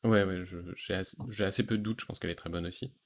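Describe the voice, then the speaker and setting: A man hosting a relaxed podcast conversation, talking enthusiastically about animated series with frequent fillers and restarts. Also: low voice, fast. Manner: enthusiastic, hesitant with many fillers. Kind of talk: casual chat.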